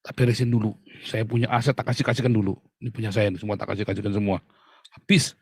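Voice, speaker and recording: A male pastor, preaching in an animated, mocking way that swings from loud outbursts to low asides. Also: fast talker, breathy edge, dry recording. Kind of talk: sermon.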